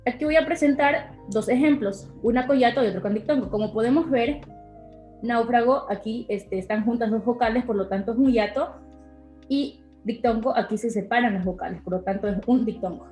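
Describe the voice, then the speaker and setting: A woman's voice: on the high side, a little fast, a little mellow. Hesitant young woman presenting in class. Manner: hesitant, many fillers. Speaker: student presenter. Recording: echoey room with faint music.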